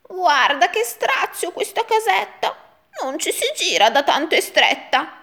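A woman voicing a fussy, grumbling little old woman in a rhyming storybook, with an exaggerated shrill delivery. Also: sing-song, measured pace, creaky, fairly bright tone, exaggerated voice. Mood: complaining. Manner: shrill, exaggerated complaining in rhyme. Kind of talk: storybook reading.

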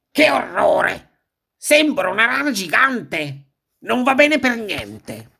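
Slow, sing-song woman storyteller. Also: low voice, mellow. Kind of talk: reading a children's story aloud.

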